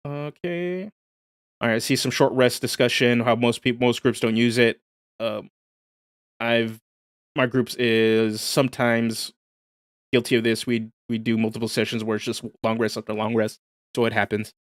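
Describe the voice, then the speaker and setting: A man hosts a livestream in a loose, excited way, reacting to new rules and catching up with chat. His voice sits at a middle pitch, and the sound is dry with no room echo. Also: moderate pace. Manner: enthusiastic, casual slang, reads chat aloud. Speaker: livestream host. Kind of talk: casual livestream commentary.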